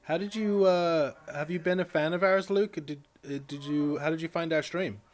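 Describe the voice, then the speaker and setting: A man's voice: a little high, normal speed. A man from Britain co-hosting a gaming livestream, chatting casually and making dry, joking asides. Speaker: streamer and co-host.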